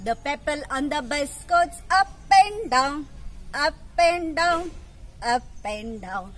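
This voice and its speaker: A woman's voice: high-pitched, lively intonation, a bit bright. A young woman with an Indian English accent, a pre-primary teacher singing a nursery rhyme with actions in an outdoor school garden, recorded by a camera a few metres away. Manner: slow, sing-song, with big hand gestures.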